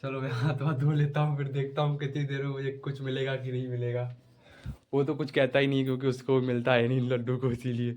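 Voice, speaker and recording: A man's voice: mid-range voice, completely flat delivery, quick pace, darkish tone. A young man with back pain chatting casually to his viewers while filming a home vlog. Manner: chatty, addressing viewers directly. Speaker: vlogger.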